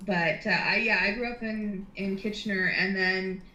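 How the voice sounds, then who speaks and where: Bright-voiced woman chatting. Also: mid-range voice, steady tone, moderate pace, echoey room, muffled recording. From Ontario, Canada. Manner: rambling, with many fillers and restarts. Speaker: guest. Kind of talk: casual chat.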